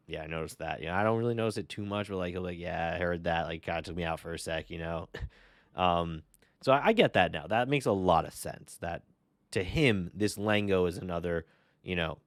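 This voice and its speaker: A man reacting to a video in loose, rambling casual chat, full of "like" and the odd curse. His voice sits fairly low but shoots up when he's incredulous. The sound is dry and close, with no room around it. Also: no room sound. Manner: rambling, filler-heavy, swears freely; rises to high incredulous pitch when riled.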